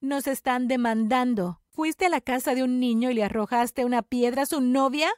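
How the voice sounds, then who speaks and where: A woman's voice: high-pitched, normal speed, dry recording, studio quality, lightly acted. A woman voicing a stern middle-aged mother who scolds her daughter seriously. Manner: serious, rising to shouting.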